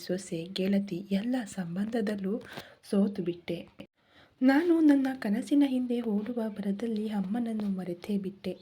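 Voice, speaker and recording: A woman voicing a remorseful young wife in whispered role-play, soft and confessional. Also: mid-range voice, breathy edge. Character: remorseful young wife, tearful, self-blaming.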